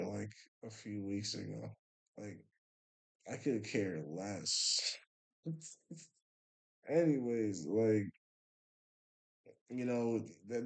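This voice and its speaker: Speaking in a lowish, slightly dark voice, a young man vlogs a meandering, relaxed story. "Bro" and "you know" crop up constantly, and he keeps drifting off into mumbling.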